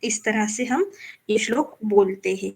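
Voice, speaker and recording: In a live class, a woman teaches Sanskrit verse recitation, patiently explaining, checking that students are following, and slowly chanting lines as examples. Her mid-range voice is husky and darkish, with vocal fry.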